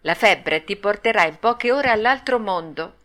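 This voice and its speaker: A woman reading an audiobook and voicing a patient, motherly fairy who speaks calmly and slowly. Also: mid-range voice, natural voice. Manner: calm, patient, slow. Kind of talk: audiobook read-aloud.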